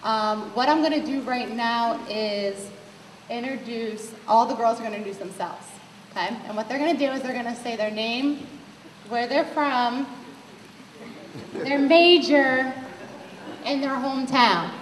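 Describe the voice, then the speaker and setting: A woman's voice: on the high side, unhurried. A woman basketball coach giving an upbeat address to fans, speaking directly to the crowd. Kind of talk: address to fans at a team event. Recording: echoey hall from far off, faint hiss.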